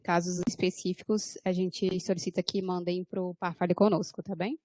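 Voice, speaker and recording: A woman's voice: lowish voice, little pitch movement, moderate pace, a little mellow, dry recording. A woman from Brazil moderating an online workshop, politely reading out questions from the audience. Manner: polite, formal, ends with "tá bem?". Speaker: webinar moderator.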